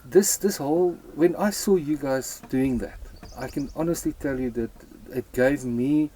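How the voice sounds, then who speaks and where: A man with a mellow, warm voice conducting a friendly interview. He keeps nodding along with steady "yeah"s. Faint background noise sits under the recording. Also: medium pitch, measured pace, low-quality recording. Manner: supportive, constant "yeah" backchannels. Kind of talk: casual interview.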